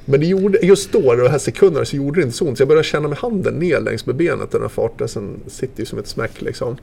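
Man, mid pitch with fry, casual vivid storyteller, slight background noise. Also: animated, mellow. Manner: vivid, loose retelling full of fillers and mild swearing. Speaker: former ski racer guest.

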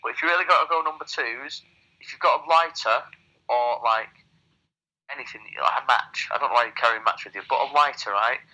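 This co-host has a cold and joins the podcast by phone, played through a speaker. Talking at a fairly quick pace in a medium pitch with a sharp tone, he wanders off on tangents and jokes crudely.

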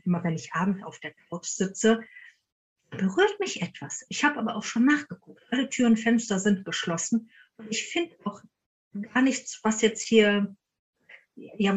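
A woman with a fairly low voice, heard through lo-fi audio, appears as a guest paranormal investigator. She casually tells anecdotes and acts out quoted dialogue.

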